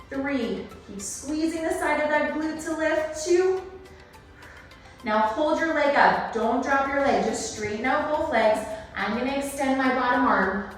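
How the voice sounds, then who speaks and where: High-voiced woman aerobics instructor, echoey and distant. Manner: encouraging, instructive, counts down reps. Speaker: Pilates fitness instructor. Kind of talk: aerobics instructor cueing and counting through a workout. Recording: echoey room, distant, music behind.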